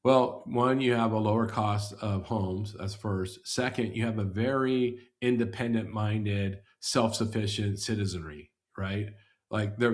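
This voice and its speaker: Man, podcast host, lowish voice, rambling, casual explainer. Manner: rambling, walks through data and charts.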